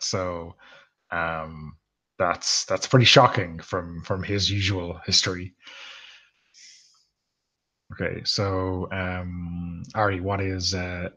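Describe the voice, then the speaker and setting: A man's voice: low voice, highs cut off. Easygoing man running a tabletop game. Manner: hesitant, many fillers, easygoing. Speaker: game master.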